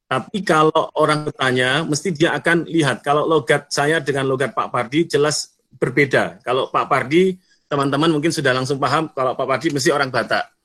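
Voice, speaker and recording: Joking and chatting with his online seminar audience, this middle-aged guest speaker from North Sumatra, Indonesia, talks through a computer mic on a video call. His voice is a little high and fairly bright, and he speaks a little fast.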